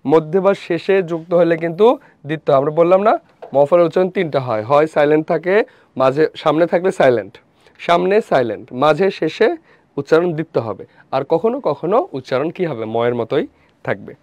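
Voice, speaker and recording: A man's voice: fairly high pitch, lively intonation, a little fast, darkish tone, no echo. A young man teaching a live online revision class, who asks questions, repeats them and answers them himself. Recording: dull dry lo-fi stream audio.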